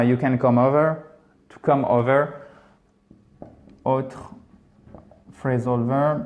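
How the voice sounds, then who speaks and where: A man's voice: mid-range voice, darkish tone. Patient man teaching English in French. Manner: explanatory, patient, checks in with "d'accord". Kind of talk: French-language English lesson.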